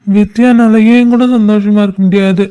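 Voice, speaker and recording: A woman's voice: medium pitch, steady tone, moderate pace, warm tone, clean tone, natural voice. A woman voicing a heartbroken, bitter young man in a homemade cartoon, with a brooding, reproachful way of talking. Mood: anguished.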